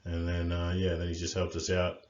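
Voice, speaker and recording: A man co-hosting a casual rugby chat, relaxed and rambling with many fillers. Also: deep voice, a little fast. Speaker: rugby coach and podcast co-host. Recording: echoey room, dull lo-fi sound.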